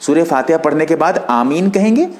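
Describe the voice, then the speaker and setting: Man, fairly high voice, patient teacher, step-by-step prayer lesson, shows each move as he talks. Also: animated, fairly quick, darkish tone. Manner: patient, explanatory, demonstrating as he speaks. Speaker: religious teacher.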